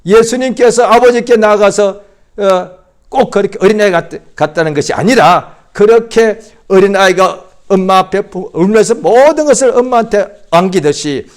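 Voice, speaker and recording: A male pastor preaching at a Friday prayer meeting, swinging from loud surges to hushed drops and repeating phrases for emphasis. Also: high-pitched, moderate pace.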